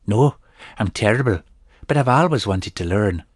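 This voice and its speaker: A man's voice: on the low side, animated, normal speed, slightly rough, dry recording, clean studio sound. A man voicing a sly, easygoing male wanderer in a fantasy audiobook.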